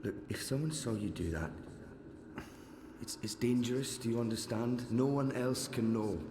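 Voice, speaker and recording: A man's voice: medium pitch, moderate pace, natural voice. An actor playing a loving, protective young father in a video game drama, earnest and coaxing. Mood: alarmed, stern. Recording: echoey room with clear background noise.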